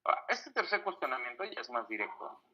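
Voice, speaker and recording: A man's voice: medium pitch, sing-song, a little fast, slightly rough, dull audio. A man preaching a sermon on forgiveness. He speaks earnestly, asks his listeners rhetorical questions, and addresses them as brethren. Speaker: preacher and biblical counselor.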